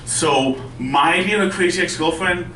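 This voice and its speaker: A man doing conversational, self-deprecating stand-up storytelling, with a speech impediment that softens his R's toward W. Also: a little high, moderate pace. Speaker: stand-up comedian. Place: indoor live stand-up venue with audience. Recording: roomy live club, distant mic, faint noise.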